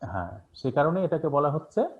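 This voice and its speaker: A man's voice: a little high, very animated, moderate pace. A man teaching an online class, asking questions and answering them himself, with many fillers. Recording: tinny phone-like online class audio.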